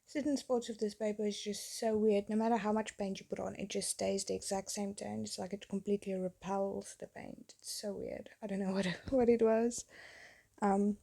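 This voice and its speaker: A woman with a gravelly, mellow voice narrates her painting video over a phone mic, chatty, rambling and self-deprecating. She's losing her voice and coming down with something, speaking at medium pitch in a level tone and a moderate pace.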